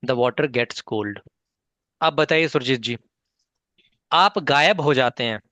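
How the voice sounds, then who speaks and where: A man's voice: medium pitch, takes it slowly, bright, forceful tone, dry recording. A man teaching a spoken English class online, patiently mixing Hindi and English and coaxing learners by name.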